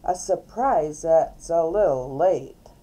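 A bossy storybook little girl who barks her orders in a high, loud voice, played by an older woman reading aloud. The voice stays slow and mellow with a wide, lively pitch range. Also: exaggerated voice, rough recording. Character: bossy little girl aardvark, demanding and dramatic.

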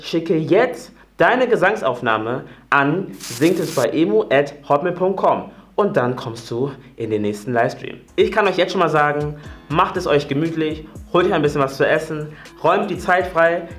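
Animated young male singing coach. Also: a little high, moderate pace, faint music behind. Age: late 20s. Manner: animated, upbeat and chatty, demonstrating voice types. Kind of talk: YouTube singing tutorial.

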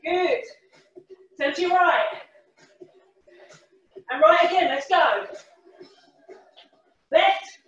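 A woman leading a workout class as a fitness instructor, calling short, energetic, encouraging cues and counts. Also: very high-pitched, very slow, long pauses, dull audio. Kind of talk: live workout class coaching. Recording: echoey room, far from the mic.

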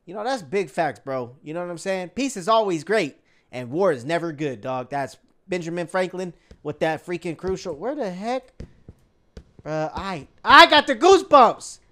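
Jumpy young man with lively high voice. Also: normal speed. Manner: slangy, jumpy, talks to viewers. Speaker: gaming YouTuber. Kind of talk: horror let's play commentary.

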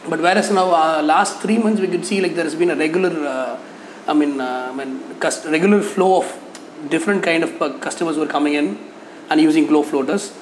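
A man's voice: on the high side, a little fast. A man, a cafe owner giving candid interview feedback, hesitant with many fillers and restarts. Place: cafe with painted mural wall, indoors. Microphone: lapel mic. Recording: echoey cafe room with faint noise.

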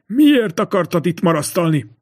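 A man voicing a greedy, feverish innkeeper's wife who speaks hoarsely and taunts her husband in an audiobook. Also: fairly low pitch, big pitch swings, darkish tone. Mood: taunting. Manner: taunting, needling.

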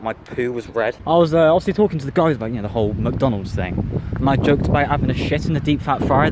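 A young English man rambling crudely and swearing through a casual vlog, filming himself on a phone outdoors by a busy road. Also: medium pitch. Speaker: vlogger. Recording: outdoor phone recording with traffic noise.

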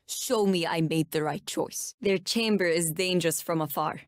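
A woman voices video game character lines as a sardonic, menacing bounty hunter who wields nightmares. Her natural, lowish voice carries a Turkish accent, and each line comes out cool, deliberate, measured and ominous, recorded dry and close with no room sound.

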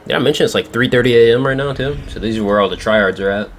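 A young man with a mid-range voice gives rapid-fire commentary on his own video game matches, slangy, sarcastic, and full of swearing. He's at a gaming setup in a dim indoor room, with game music in the background.

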